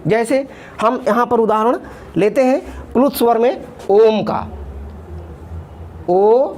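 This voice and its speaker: A woman's voice: a little high, measured pace, a little mellow, slight background noise. A woman teaching a Sanskrit grammar lesson, patiently repeating each term first in Sanskrit and then in Hindi, and drawing out the vowel sounds as she says them. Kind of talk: classroom lesson explaining at a board.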